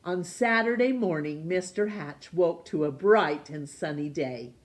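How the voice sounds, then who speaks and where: A woman reading a children's picture book aloud for storytime, gently and expressively. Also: on the low side. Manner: gentle, slow and expressive, voicing characters.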